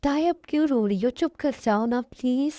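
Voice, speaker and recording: A woman's voice: sits high, moderate pace, mellow, no echo, studio quality, natural voice. Woman voicing a caring young college guy. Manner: soothing, earnest pleading. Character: young male college student, caring and earnest. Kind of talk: amateur dubbed love story.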